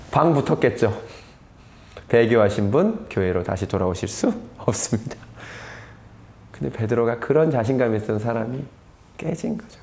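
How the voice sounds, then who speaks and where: A man teaching the Bible as a sermon, telling the story with dramatic pauses, sometimes dropping to a whisper and asking the audience questions. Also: medium pitch, darkish tone. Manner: acts out quoted lines, asks the audience questions.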